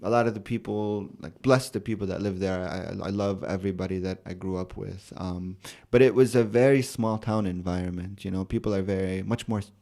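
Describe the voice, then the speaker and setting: A young American man, a rapper and poet, talking in a relaxed, thoughtful way with many fillers and restarts in a podcast interview. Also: low-pitched, a little fast, creaky, few pauses. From United States.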